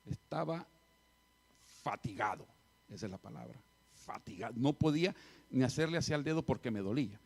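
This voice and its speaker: A middle-aged man preaching a sermon as pastor, telling a story and swinging from loud passages to hushed ones. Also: mid-range voice, animated, brisk, vocal fry, long pauses, breathy edge.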